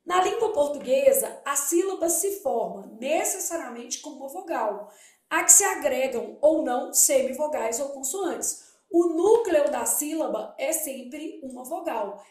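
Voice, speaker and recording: Woman teacher, high voice, echoey room, explains step by step. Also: animated, measured pace, darkish tone. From Brazil. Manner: explanatory, asks and answers her own questions. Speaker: Portuguese teacher. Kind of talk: exam-prep lesson.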